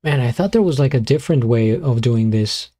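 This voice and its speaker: A man streaming live, chatting casually and muttering to himself as he fiddles with his streaming software. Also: medium pitch, lively intonation, brisk. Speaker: beatbox streamer.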